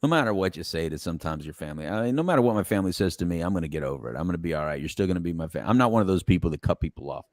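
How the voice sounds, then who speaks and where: A middle-aged man hosting a podcast in casual chat, animated and rambling, laughing often as he talks. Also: low voice, rapid-fire, few pauses, no room sound. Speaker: podcast host.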